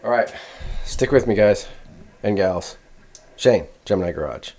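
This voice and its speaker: Hosting a radio gear review channel, a man rambles casually through a hands-on demonstration, thinking aloud as he goes. His voice is lowish and a little mellow, expressive, at a measured pace.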